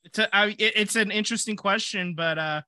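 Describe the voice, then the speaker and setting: A man's voice: sits high, brisk, sharp tone, no room sound, clean studio sound. A man co-hosting a casual sports podcast, thinking aloud with fillers and restarts. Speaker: podcast co-host.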